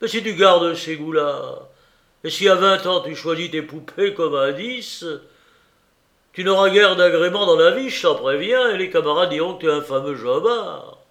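A man's voice: fairly high pitch, expressive, moderate pace, a bit bright, echoey room, pitched above the performer's own voice. A man doing a blustering old army captain. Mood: indignant. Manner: indignant, swearing, scolding. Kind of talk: audiobook character reading.

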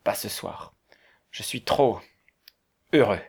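A man's voice: lowish voice, lively intonation, slow pace, slightly rough, whispered, full character voice. A man voicing a desperate, ruined family father who cries out in anguish. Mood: hushed.

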